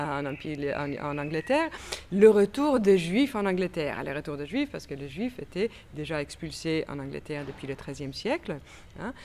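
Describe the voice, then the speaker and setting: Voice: mid-range voice, a little hiss or hum. An exhibition curator explaining history in an interview, with frequent fillers and restarts. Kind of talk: expert interview answers.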